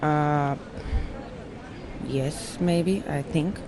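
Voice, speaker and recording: A woman answers a street interviewer slowly and hesitantly, in a fairly low voice. She keeps apologizing and laughing softly. Clear street noise runs behind her. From Bulgaria. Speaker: passer-by interviewee.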